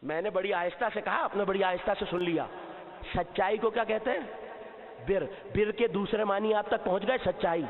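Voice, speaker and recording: In a mosque or hall, a high-pitched Shia cleric gives a fervent majlis sermon before a seated crowd, shouting at key points. He poses questions to the listeners and supplies the answers himself, captured with long reverb and a tinny, phone-like quality.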